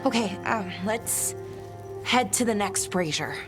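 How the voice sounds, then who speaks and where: A woman acts as a grief-stricken, studious young elf in a video game, her speech slow, rambling, unsure, and self-correcting, with a wistful uncertainty. She has a mid-range voice with lively intonation, backed by clearly audible game music.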